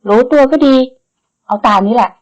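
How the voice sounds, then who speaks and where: A woman voicing a bossy, blunt young woman who leads her friends, speaking briskly in an audiobook. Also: on the high side, highs cut off, natural voice. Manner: brisk and commanding. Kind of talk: audiobook character reading.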